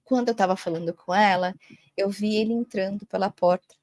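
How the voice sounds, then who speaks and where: A woman's voice: medium pitch, fairly even intonation, fairly quick, a little mellow, no echo. A woman, a holistic therapist, telling a long personal story as a podcast guest, chatty and full of tag questions.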